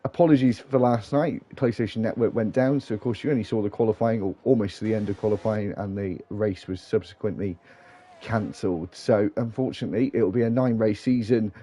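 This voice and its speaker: A man's voice: on the low side, fairly quick, warm tone. A man hosting and commentating live on an online racing broadcast. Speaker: host and lead commentator.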